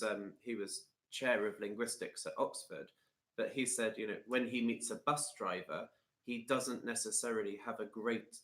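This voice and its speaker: Man co-host, low bright voice, measured, roomy echo on a video call. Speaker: co-host trainer. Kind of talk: live online session talk.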